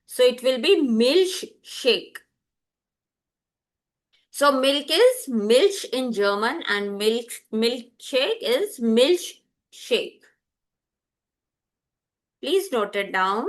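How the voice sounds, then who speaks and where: A woman teaching vocabulary, repeating each word slowly and clearly for learners. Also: on the high side, very animated. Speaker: language teacher. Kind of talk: slow, deliberate vocabulary lesson.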